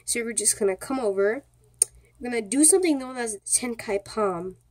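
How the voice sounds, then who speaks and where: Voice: medium pitch, animated, moderate pace. A speaker giving a casual, step-by-step card trick tutorial in an informal, repetitive way, often checking in with the listener. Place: indoors at a small table.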